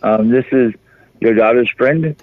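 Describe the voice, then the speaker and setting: A man's voice: mid-range voice, unhurried, no room sound. A man on a phone call heard over speakerphone, talking politely and calling an older man sir. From Washington State. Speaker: caller posing as a boyfriend. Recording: tinny phone line.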